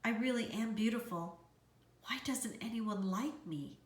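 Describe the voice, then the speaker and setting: A woman's voice: a little high, unhurried, close to an everyday voice. A woman voicing a proud, vain male fish with a haughty, dramatic manner in a children's storybook. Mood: self-pitying. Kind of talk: children's storybook read-aloud. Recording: roomy, echoey indoor sound.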